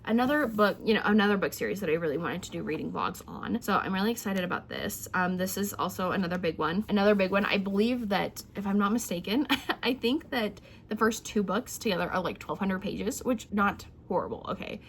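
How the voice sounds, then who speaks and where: A young woman talking casually to viewers as a book vlogger, in an excited, rambling, giggly way, keeping her volume down a little. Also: mid-range voice, a little fast. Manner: hushed, holding volume down for sleeping child. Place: indoors at home. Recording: clear heater hum behind voice.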